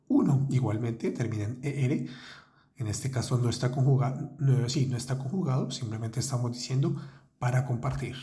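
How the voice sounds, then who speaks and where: Mellow-voiced man teaching French slowly. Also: mid-range voice. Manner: slows down to model French pronunciation, patient and methodical. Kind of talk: language lesson.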